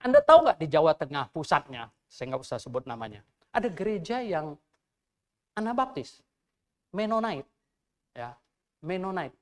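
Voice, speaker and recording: An older male pastor delivering a Sunday sermon in church, chatting with the congregation more than lecturing. His pitch swings widely and expressively, and he keeps tossing out rhetorical questions as he tells his stories. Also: moderate pace, long pauses. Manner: conversational, animated storytelling with rhetorical questions. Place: church during a Sunday service.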